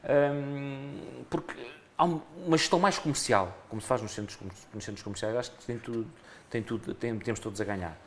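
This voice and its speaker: A man's voice: mid-range voice, brisk, a little hiss or hum. A man with a European Portuguese accent, a candidate in a local election, answering radio interview questions earnestly and often restarting his phrases.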